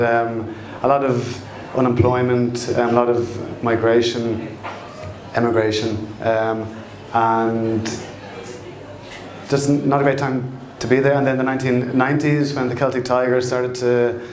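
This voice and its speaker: A middle-aged man from Dublin, Ireland, tells a personal anecdote at a live storytelling night, in a fireside style. His pitch stays very even as he speaks haltingly and reflectively, searching for words. The indoor room is noticeably echoey, with slight background noise.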